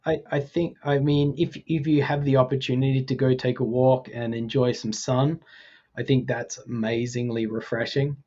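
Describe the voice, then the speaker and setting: Podcast guest, man, 40, from Australia; average pitch, slightly muffled recording, measured and hesitant. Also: little pitch movement, dark tone. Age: 40s. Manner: thoughtful, hesitant with ums and restarts. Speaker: guest, VFX artist. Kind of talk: casual podcast conversation.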